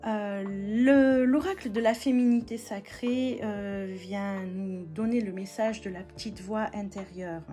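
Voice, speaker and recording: A woman giving a weekly tarot and oracle card reading in a gentle spiritual tone, with many hesitations and restarts. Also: medium pitch.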